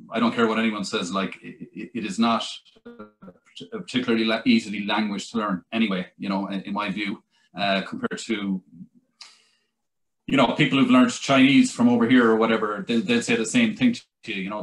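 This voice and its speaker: A middle-aged Irish translator and author rambles at length in a conversational video-call interview, full of restarts and "you know." His voice is on the low side with a fairly bright tone, and the low-quality webcam audio comes from a small room with a plain wall.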